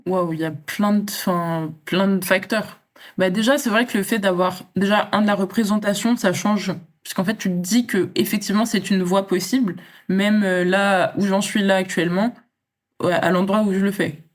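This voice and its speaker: A woman's voice: mid-range voice, steady tone, moderate pace. A young woman from France, a champion athlete speaking as an interview guest, talking in a reflective, casual way with many fillers and restarts.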